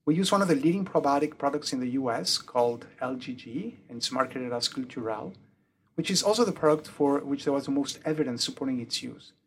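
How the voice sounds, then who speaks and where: In an interview about his research, this man talks at a brisk clip in a medium pitch, with slight background noise. A pediatric emergency doctor who was born in the UK and grew up in Mexico, he has a blended French and Mexican Spanish accent and lays out points one by one, steadily and methodically.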